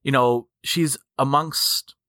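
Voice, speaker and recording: A man conducting a casual interview, halting and repeating words as he forms his questions. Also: medium pitch, steady tone, bright, forceful tone, no echo, studio quality.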